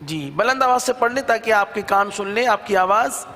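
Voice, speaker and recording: A man teaching Quran reading, spelling out syllables in slow drawn-out chants between quick explanations, with an Urdu accent. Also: high-pitched, sharp tone, big-room sound. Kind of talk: slow spelled-out recitation lesson.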